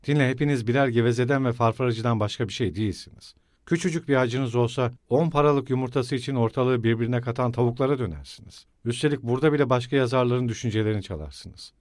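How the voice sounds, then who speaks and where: A blustering, hot-tempered young friend who scolds and shouts in exclamations, as a male narrator reads him. The audiobook voice sits at a middle pitch and sounds dry and close, with no room echo. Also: quick pace, close to an everyday voice. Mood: scolding. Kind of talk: audiobook character reading.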